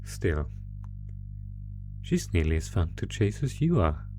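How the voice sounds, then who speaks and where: A man voicing a sadistic, theatrical monster who taunts a prisoner in a horror roleplay, talking with drawn-out pauses. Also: sits low, very animated, over music, full character voice. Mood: smug, mock-sweet. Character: sadistic, gloating male monster stalking its prisoner through a maze. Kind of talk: ASMR horror roleplay audio drama.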